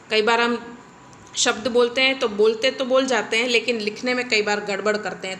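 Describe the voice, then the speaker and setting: A woman teacher with a bright, clear, slightly high voice gives a recorded lesson. She explains each point step by step and keeps checking in with her students. The sound is echoey, as if taped in a bare room. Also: a little hiss or hum. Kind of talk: recorded Hindi grammar lesson.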